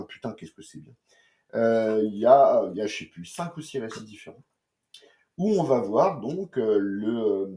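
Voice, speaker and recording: Animated man chatting about comics. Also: mid-range voice. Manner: lively, slangy and full of restarts. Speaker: comics reviewer. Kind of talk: casual spoken review.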